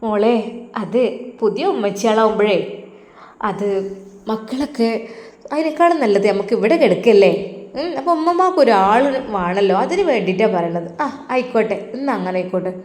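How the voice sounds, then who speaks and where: Woman voicing a gentle coaxing old grandmother. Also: mid-range voice, animated, moderate pace, natural voice. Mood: tender, coaxing. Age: older. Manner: soft coaxing, affectionate endearments. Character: gentle widowed grandmother, affectionate. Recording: roomy echo.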